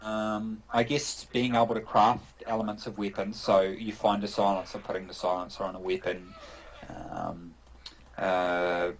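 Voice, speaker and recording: A man's voice: lowish voice, animated, unhurried, highs cut off. A man with a New Zealand accent, a game developer answering interview questions in a thoughtful, rambling way with many fillers and restarts. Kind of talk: casual interview answers over an online call.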